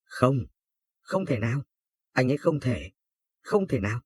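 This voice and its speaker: Man playing an anguished mother of thirty-five, hurried and urgent, husky. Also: mid-range voice, very animated, no echo. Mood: desperate.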